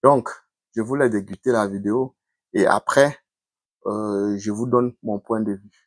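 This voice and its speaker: A man giving earnest, measured commentary to his viewers in a casual vlog. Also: lowish voice, steady tone, dry recording, studio quality.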